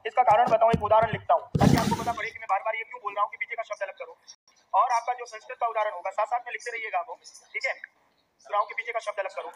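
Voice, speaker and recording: A male teacher with a Rajasthani Hindi accent, giving a classroom grammar lesson, repeating points and answering his own questions. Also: extremely high pitch. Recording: dull lo-fi recording.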